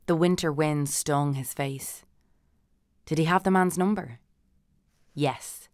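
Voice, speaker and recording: A woman reading a literary novel aloud as an audiobook narrator, in a measured, dry manner with light character voices. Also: low-pitched, clean tone, no room sound.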